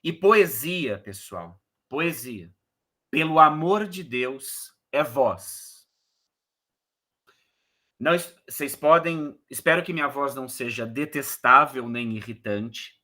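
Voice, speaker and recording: A man giving a casual online lecture on verse rhythm, explaining in a relaxed way and counting syllables aloud. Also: mid-range voice, takes it slowly. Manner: casual explanatory, frequent "né" and "beleza". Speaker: poetry course instructor.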